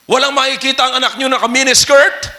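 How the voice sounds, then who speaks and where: High, bright-voiced Filipino pastor preaching. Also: male voice, quick pace. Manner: animated preaching, switching between Filipino and English, rising to shouts. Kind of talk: sermon.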